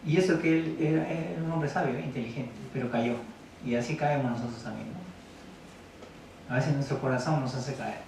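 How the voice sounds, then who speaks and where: A man's voice: mid-range voice, moderate pace, vocal fry, a little mellow, a little hiss or hum. Man preaching in a very echoey hall. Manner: reads Bible verses aloud, asks the congregation questions. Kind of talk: sermon. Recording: very echoey room, mic at a distance.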